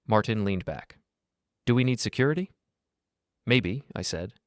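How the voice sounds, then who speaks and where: A man calmly narrating a first-person story in a measured, even way. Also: fairly low pitch, no room sound, clean studio sound.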